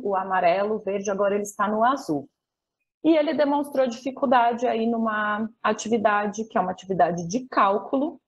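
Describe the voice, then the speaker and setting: A woman's voice: medium pitch, a little mellow, rough recording. A Brazilian woman with a Brazilian Portuguese accent leads a live online training for fellow teachers. She explains patiently, step by step, and often checks in with her listeners through short tag questions.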